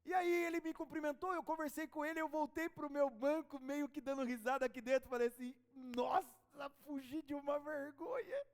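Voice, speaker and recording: A male pastor preaches in a fairly high voice. He tells stories and banters with his congregation in a lively way. His voice rings with the long reverb of a church hall. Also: fast talker, hardly any pauses. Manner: storytelling, animated, chatting with the congregation. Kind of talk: sermon.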